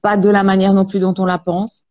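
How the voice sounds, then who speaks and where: A woman with a mellow, soft-edged voice speaks calmly and at a measured pace, often pausing on hesitations. She explains energy healing sessions as a guest in an interview. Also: medium pitch, highs cut off. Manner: calm, measured, many hesitations. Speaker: Access Bars practitioner, guest.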